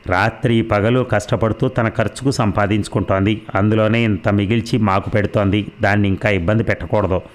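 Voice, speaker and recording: A man's voice: fairly low pitch, fairly even intonation, brisk, few pauses, close to an everyday voice. A man reading the part of a middle-aged mother in a storybook, scolding her daughter reproachfully. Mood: firm. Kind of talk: audiobook character reading.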